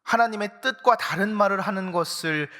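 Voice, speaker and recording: Earnest bright-voiced male pastor preaching. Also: moderate pace. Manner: earnest, drops low and quiet for scripture quotes. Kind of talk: early-morning sermon. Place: church.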